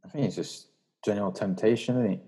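A man's voice: lowish voice, quick pace, mellow, breathy edge. A man in his twenties with a British urban roadman accent, chatting casually and slangily on a group podcast. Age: 20s. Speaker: podcast panellist.

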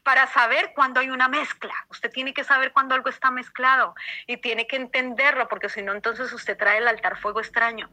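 A woman's voice: high voice, fairly even intonation, a little fast, pushed and bright, poor audio. A woman preaching a sermon to her congregation, emphatic, repeating her phrases and firing questions at the listeners.

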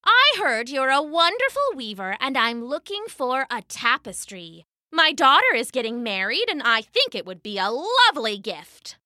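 A woman's voice: sits high, sing-song, moderate pace, hardly any pauses, sharp tone, dry recording, studio quality, voice pushed up, heavily acted. Woman playing a haughty, jealous goddess. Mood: sweet then scolding. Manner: haughty, indignant, commanding.

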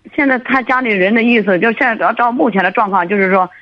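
A woman's voice: on the high side, dry recording. Female radio caller: hesitant rambler over a dull, lo-fi phone line, voice dry and close. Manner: halting, rambling, many restarts and fillers. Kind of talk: call-in radio conversation. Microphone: telephone.

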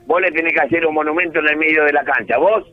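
A man's voice: on the high side, fast talker, dry recording. A man with a Rioplatense Argentine accent, arguing as a radio guest in a teasing, combative way over a dull lo-fi phone line. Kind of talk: heated radio debate.

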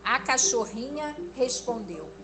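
Lady reading a kids story real slow, high and sing-songy, music playing behind. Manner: slow, expressive and gentle. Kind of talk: children's story read aloud.

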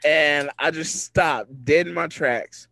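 A man's voice: a little high, takes it slowly, gravelly, bright, forceful tone, dry recording. A man telling a funny personal story in casual chat, often laughing as he talks.

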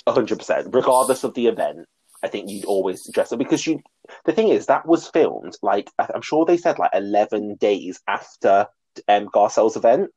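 A man's voice: on the low side, very animated, moderate pace, a little mellow, breathy edge, no room sound, low-quality recording. A man co-hosting a podcast, chatting about reality TV in a gushing, chatty way. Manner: chatty and gushing, with frequent laughs and fillers. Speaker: podcast co-host. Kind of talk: casual chat about reality TV.

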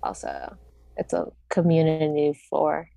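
A young woman co-hosting a podcast, chatting casually and complaining in a relaxed, wry way. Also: low-pitched, a little slow, gravelly. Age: young adult. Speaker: podcast co-host. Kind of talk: casual chat.

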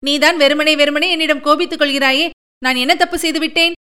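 A woman's voice: high voice, fairly quick, pitched above the performer's own voice. A woman reading a story and voicing a playful young village girl who coaxes her older brother in a sing-song voice. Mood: coaxing. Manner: pleading, sing-song, excitable. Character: lively young village girl, playful, coaxing little sister.

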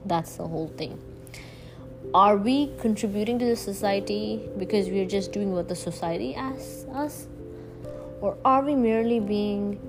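A woman delivers a reflective solo podcast monologue over clearly audible music. Her voice sits at a middling pitch. She speaks haltingly, searching for words, and leans firmly on key ones as she addresses her listeners. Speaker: podcast host. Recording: music bed behind the voice.

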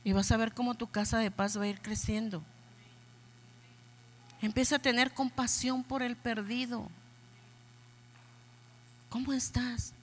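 A middle-aged woman pastor with a Mexican accent preaching a lively sermon, urging her congregation and acting out voices. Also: fairly high pitch, normal speed, pauses often, a little hiss or hum. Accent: Mexican Spanish.

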